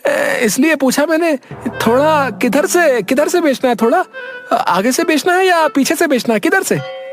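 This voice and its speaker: A voice actor playing a foolish, dim-witted village husband in a cartoon, whiny and silly, often crying out. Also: male voice, very high voice, lively intonation, normal speed. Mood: boastful. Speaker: comic lead. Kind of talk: cartoon voice acting. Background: background music.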